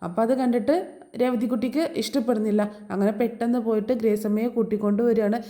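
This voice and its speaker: A woman's voice: a little high, steady tone, quick pace, mellow. A woman narrating a serial episode in a casual, chatty voice-over, often ending her sentences with a little tag word.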